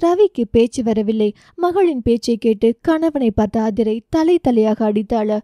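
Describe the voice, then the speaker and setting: A woman's voice: fairly high pitch, lively intonation, unhurried, dark tone, dry recording, studio quality. A woman with a Tamil accent reading a romance audio novel aloud, with emotive storytelling.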